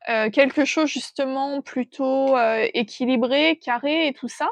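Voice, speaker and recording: Gentle, hesitant tarot-reading woman. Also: high-pitched, dry recording. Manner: hesitant, gentle, pauses to sense the cards. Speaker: tarot reader. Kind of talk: intuitive tarot reading, thinking aloud.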